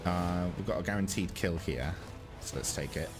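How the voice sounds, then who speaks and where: A man with a deep voice talks casually through a strategy game. He thinks aloud and drops dry asides, with game music playing behind him. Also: moderate pace. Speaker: gamer, video host.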